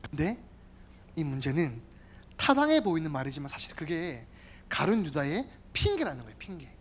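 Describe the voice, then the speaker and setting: A youth pastor preaching to a congregation, turning to the listeners often and repeating key words. The pitch swings widely, rising high on emphatic phrases and dropping low and soft at the ends. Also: big pitch swings, normal speed. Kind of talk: sermon.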